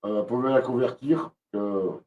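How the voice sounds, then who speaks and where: A man's voice: mid-range voice, moderate pace, recorded from a distance, phone-quality sound, slight background noise. A man ranting angrily on a live stream, repeating himself and hesitating often. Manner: agitated, repetitive, many hesitations. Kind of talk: angry live-stream rant.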